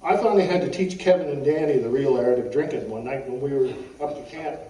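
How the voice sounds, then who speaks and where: Fast-talking and mellow, with a medium-pitched voice, a middle-aged or older man reads a eulogy from notes at a funeral service. He tells amusing stories in a wry, folksy way and often clears his throat. The audio is roomy and distant, with echo and faint background noise.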